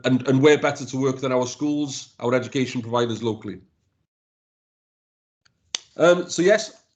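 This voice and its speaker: A man with a mid-range voice, a native Welsh speaker working as a council education officer, walks a council panel through his slides in a council meeting room. His delivery is halting, full of repeated words and restarts.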